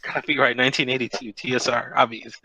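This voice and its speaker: A man's voice: mid-range voice, flat delivery, fast, bright, forceful tone, low-quality recording. A man acting as game master, casually narrating a tabletop role-playing game.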